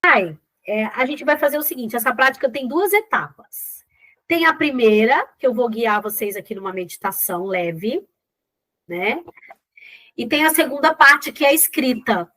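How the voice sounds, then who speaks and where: A woman's voice: a little high, lively intonation, moderate pace, bright, forceful tone. A Brazilian woman teaching an informal class, speaking conversationally and encouragingly straight to her listeners. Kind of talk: informal spoken lesson.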